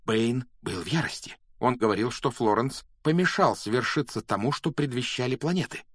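A man's voice: fairly low pitch, moderate pace, no echo, clean studio sound, natural voice. A man voicing a frightened, agitated schoolboy in a storybook reading, speaking in a tense, urgent way.

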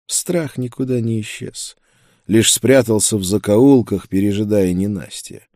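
A man narrating a first-person fantasy audiobook in a measured, grim way. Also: lowish voice, mellow, no room sound, clean studio sound.

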